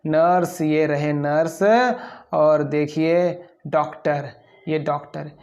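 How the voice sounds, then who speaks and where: A man's voice: fairly high pitch, level tone, takes it slowly, darkish tone. Man teaching in a dull lo-fi recording. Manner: asks a question, then answers it himself; playful asides between words. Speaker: English teacher. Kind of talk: online class lesson.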